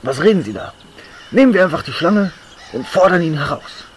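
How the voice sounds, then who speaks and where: A man's voice: fairly high pitch, lively intonation, brisk, slight background noise, close to an everyday voice. A man playing a cocky, bumbling police detective in a comedic audio drama. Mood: bumbling, eager.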